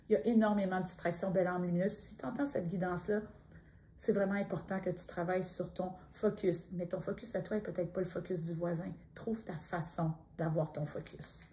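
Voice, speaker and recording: Québécois woman, middle-aged, intimate card-reader delivery, medium pitch, faint hiss behind. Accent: Quebec French. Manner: soft-spoken, intimate, addresses listener directly. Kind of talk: spiritual card reading monologue.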